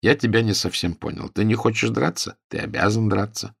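A man voicing an excitable middle-aged fight manager who pleads and wails in an overwrought way. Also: lowish voice, a little fast, gravelly, breathy edge, no echo, clean studio sound, exaggerated voice. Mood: pleading.

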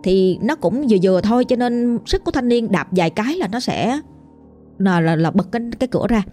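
A woman's voice: medium pitch, lively intonation, a little fast, warm tone, soft background music. Chatty woman with a Southern Vietnamese accent. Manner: chatty, colloquial, addressing the listener directly. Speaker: ghost story narrator. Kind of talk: storytelling narration.

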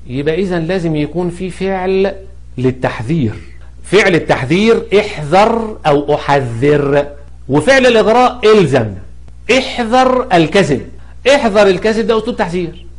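A middle-aged man with an Egyptian Arabic accent giving a recorded grammar lecture, explaining step by step, asking and answering his own questions and drawing out examples. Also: on the high side.

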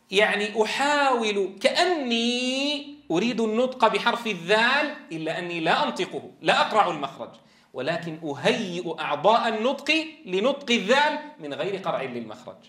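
A man's voice: sits high, fairly bright tone. A man teaching Quran recitation in a classroom. He explains step by step, asks the class questions and draws out sounds to demonstrate them. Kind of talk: classroom tajweed lecture. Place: classroom with a board. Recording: echoey classroom.

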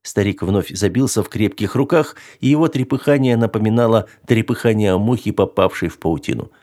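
Low-voiced male audiobook narrator. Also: a little fast, darkish tone. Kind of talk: scripted narration.

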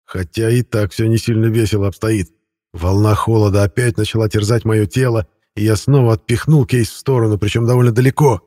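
A man's voice: fairly low pitch, fairly even intonation, brisk, warm tone, dry recording, studio quality. A man narrating a first-person fantasy audiobook in a wry, conversational manner.

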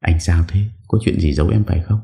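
A man's voice: low-pitched, fast talker, vocal fry, warm tone, voice pushed up. A man voicing a young woman who is anxious and presses her husband with questions. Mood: anxious, pressing. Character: young woman, worried and curious bride.

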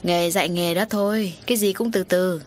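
A woman's voice: lowish voice, fairly even intonation, normal speed, a little mellow, a little hiss or hum, close to an everyday voice. A woman reading a weary stern father. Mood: grave.

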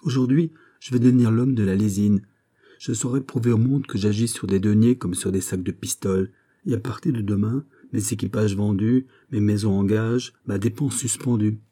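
Anxious minister, read by a man, proud, earnest, husky low voice. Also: steady tone, moderate pace, mellow. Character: proud worried male finance minister. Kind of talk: audiobook character reading.

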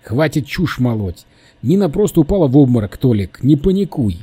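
A man's voice: medium pitch, big pitch swings, normal speed, mellow, breathy edge, dry recording, pitched above the performer's own voice. A man doing an irritable young leader. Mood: curt. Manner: curt, impatient, commanding.

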